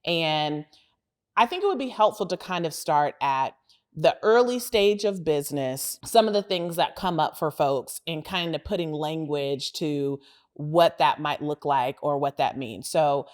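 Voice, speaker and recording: A woman with a very low voice hosts a podcast interview. She asks open, reflective questions and affirms what her guest says. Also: unhurried. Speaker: podcast host.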